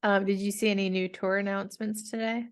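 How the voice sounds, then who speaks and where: A woman in the interviewer's seat asks light, casual questions. She keeps chiming in with quick, friendly affirmations while her guest talks. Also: medium pitch, level tone, clean tone.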